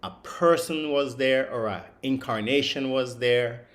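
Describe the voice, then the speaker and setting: A man's voice: medium pitch, a little slow, a bit bright. A man teaching a group scripture class who laughs often and keeps putting questions to the room.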